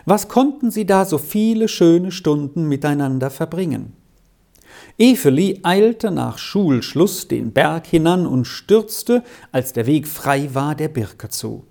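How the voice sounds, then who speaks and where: A man narrating a children's story in a calm, measured reading. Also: on the high side, creaky. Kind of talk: audiobook narration.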